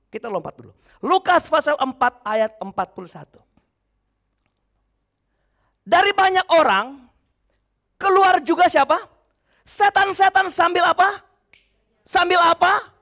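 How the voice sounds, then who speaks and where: Guy pastor preaching, high voice, super animated, quizzes the crowd then answers himself, shouts then goes quiet. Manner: asks the congregation questions and answers them himself; bursts into shouts between quiet asides. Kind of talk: sermon.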